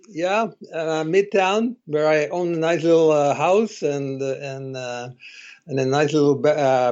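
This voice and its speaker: A man in his sixties from Slovakia, a guest on an interview podcast, telling his story in a reflective, unhurried way. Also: fairly high pitch, a little mellow, dull audio. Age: 60s. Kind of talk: casual interview conversation.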